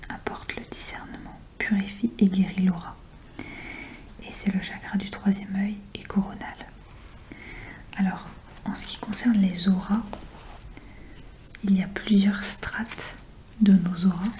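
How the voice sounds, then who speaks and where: A woman whispers right up by the listener's ear in a breathy, unvoiced voice. She talks in an informal, chatty ASMR show-and-tell style, keeping everything soft and intimate. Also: mid-range voice. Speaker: ASMR video creator.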